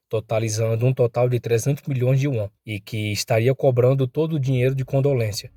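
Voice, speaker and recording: A man's voice: mid-range voice, dark tone, dry recording, clean studio sound. A man narrating a comic recap in a casual, slangy storytelling manner.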